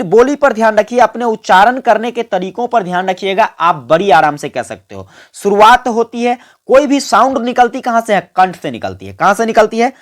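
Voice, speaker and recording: Guy teaching exam grammar, asks questions then answers them himself, makes you say sounds along with him. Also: high-pitched. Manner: quizzes listeners and answers his own questions; has listeners repeat sounds with him. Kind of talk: exam-prep grammar lesson.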